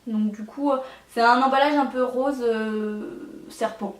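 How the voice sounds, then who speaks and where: A woman's voice: on the high side, fairly even intonation, measured pace, recorded from a distance, a little hiss or hum. Chatty young woman in an echoey room. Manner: chatty, hesitant with many fillers. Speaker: beauty vlogger. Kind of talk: casual vlog showing a collection.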